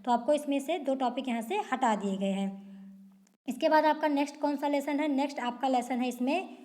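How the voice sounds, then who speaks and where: A woman's voice: high voice, a little fast, dark tone. A woman teacher going through a school syllabus for students, asking questions and answering them herself. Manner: repetitive rhetorical questions, answered at once.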